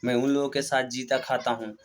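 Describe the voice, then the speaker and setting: A man's voice: medium pitch, little pitch movement, fairly quick, lightly acted. A man voicing a humble young lion raised among sheep, who speaks meekly and pleadingly. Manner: meek, pleading, respectful.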